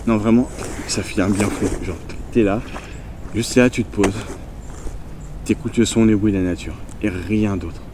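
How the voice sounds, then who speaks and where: His voice sits on the low side as he walks the countryside, phone in hand, vlogging to camera with a stuffy nose from a cold. He keeps a moderate pace broken by long pauses, staying chatty and relaxed with rambling asides, while background noise runs underneath.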